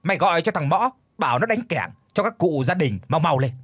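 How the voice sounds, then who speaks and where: A man voicing a gruff, bullying older village deputy chief in an audiobook, barking and scornful. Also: on the high side, animated, a little fast, fairly bright tone, dry recording, clean studio sound, full character voice.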